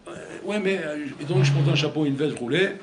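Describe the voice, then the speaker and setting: A man's voice: a little high, fast. A man giving a Torah class as a rabbi, talking in a conversational way, repeating words and mixing in Hebrew terms. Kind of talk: sermon. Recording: echoey room with faint ambient noise.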